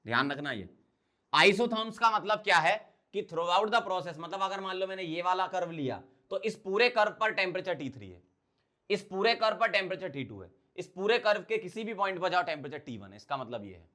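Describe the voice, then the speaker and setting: A male chemistry teacher gives a board lecture in a bright, forceful voice that sits a little high for a man. He keeps asking the class questions and answers them himself. He moves easily between everyday speech and English technical terms. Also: animated, moderate pace. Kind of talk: blackboard lecture.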